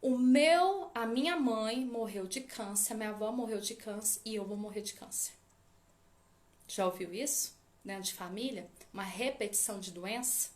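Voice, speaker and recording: A woman's voice: fairly high pitch, moderate pace. A woman with a Brazilian Portuguese accent, a family constellation therapist giving an informal talk and speaking straight to her listeners. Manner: addresses listeners directly with frequent "tá?" tags. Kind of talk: informal lecture to an audience.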